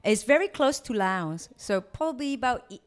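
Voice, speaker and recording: A woman's voice: a little high, expressive, normal speed. A young adult woman from Thailand, a podcast guest talking casually and laughing often. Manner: laughs often, loose playful talk. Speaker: guest, private chef. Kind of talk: casual chat.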